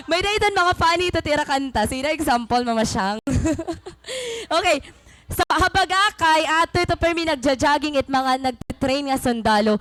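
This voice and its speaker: A young woman preacher from Samar with a Waray Filipino accent gives a sermon, switching between Waray and English in an animated, teaching way. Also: high-pitched, poor audio. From Samar, Philippines. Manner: animated, mixing Waray and English mid-sentence; teaching, repeats and defines key words.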